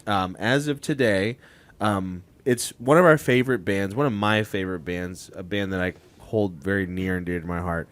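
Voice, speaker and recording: A man's voice: deep voice, normal speed. A man hosting a music podcast, chatting casually about an album with many fillers and restarts. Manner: rambling, filler-heavy, laughs often. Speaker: podcast host. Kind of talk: casual chat.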